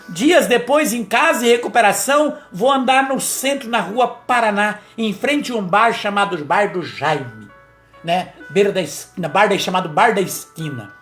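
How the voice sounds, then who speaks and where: A man's voice: sits high, a bit bright. A man, a lay preacher, telling his personal testimony on a live stream in a conversational, storytelling manner. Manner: conversational, storytelling, frequent tag questions.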